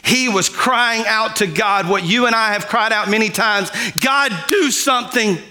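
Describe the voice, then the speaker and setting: A man preaching a sermon, shifting between quiet, drawn-out lines and loud cries. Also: high voice, smooth. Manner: dynamic, swings from soft to loud. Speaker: pastor.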